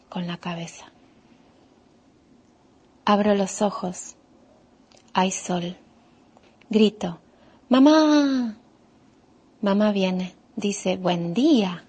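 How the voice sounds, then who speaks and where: A woman with an Argentine Spanish accent reads her children's story aloud, her voice soft and a little husky. She keeps her delivery calm and measured, narrating as a small child in short, simple sentences. Her pitch sits in an ordinary middle range. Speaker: author reading her own book. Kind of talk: storybook reading.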